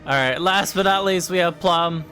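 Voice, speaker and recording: A man's voice: sits high, normal speed, over loud music. A man hosting a tabletop game livestream as dungeon master, with a playful, theatrical way of talking. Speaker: dungeon master and stream host. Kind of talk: livestream hosting, casual chat.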